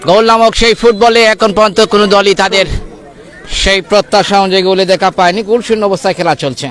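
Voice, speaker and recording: A man's voice: sits high, fairly even intonation, fast talker, fairly bright tone. A man giving live football commentary in stock phrases, often repeating his thanks to viewers. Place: outdoors at a football ground. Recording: outdoor commentary with crowd behind.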